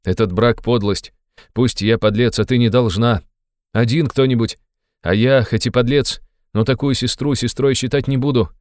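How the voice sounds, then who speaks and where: A man's voice: low-pitched, fairly even intonation, moderate pace, darkish tone, clean tone, dry recording, clean studio sound, close to an everyday voice. A man doing an irritable, feverish young man. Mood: stern, strained. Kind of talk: audiobook character voice.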